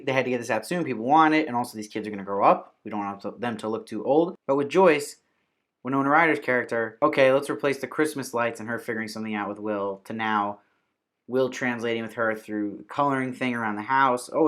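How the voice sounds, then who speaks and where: A man giving a casual spoken TV review, opinionated and conversational, dropping fillers like "kinda" and "like" and mimicking imagined viewers in quick asides. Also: mid-range voice, fairly bright tone. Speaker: TV review host.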